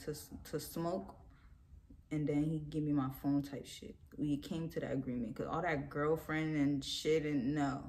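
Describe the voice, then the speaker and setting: A woman's voice: deep voice, darkish tone, slight background noise. A young woman casually telling a storytime tale, rambling with lots of fillers and laughing as she goes.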